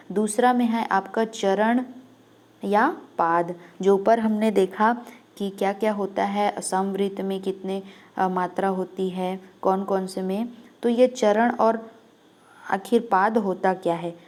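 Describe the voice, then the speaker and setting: A woman's voice: medium pitch, fairly even intonation, a little slow, darkish tone. A woman teacher giving an exam-prep lesson, explaining step by step and asking questions that she answers herself. When she demonstrates a sound, she draws it out.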